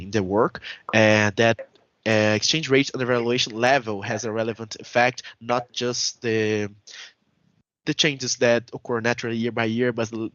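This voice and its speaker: A young man with a Brazilian Portuguese accent presents an academic paper at a conference, speaking carefully and hesitantly and frequently stopping to rephrase. His pitch is medium and a bit bright, and the video call audio is dull and dry with no echo.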